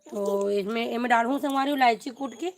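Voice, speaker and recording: High-voiced Chhattisgarhi woman cooking live. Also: fairly quick. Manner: chats to viewers while hushing and directing a small child. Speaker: cooking vlog host. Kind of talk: casual live cooking stream.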